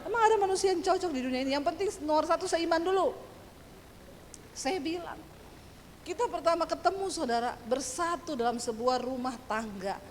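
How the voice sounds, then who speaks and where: A woman pastor with a Sulawesi accent, preaching a sermon with lively storytelling and addressing the congregation. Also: high voice, fairly quick, in a large hall, a little hiss or hum. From Sulawesi, Indonesia.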